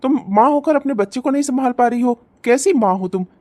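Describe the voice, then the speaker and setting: A woman's voice: high-pitched, brisk, darkish tone, dry recording, lightly acted. A woman voicing a young husband in a cartoon, firm and reasoning in the way he talks. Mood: stern. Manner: stern, then reasoning. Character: young husband, bossy at first, then calm.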